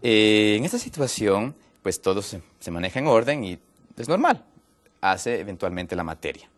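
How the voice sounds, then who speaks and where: A man from Ecuador, a guest on a health program, explaining a topic patiently with many pauses and fillers. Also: fairly low pitch, sing-song.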